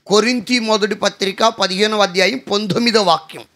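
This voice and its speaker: Gravelly, bright-voiced animated preacher man. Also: high voice, normal speed. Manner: animated storytelling with shouted emphasis; asks the congregation to respond. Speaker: pastor. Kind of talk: sermon.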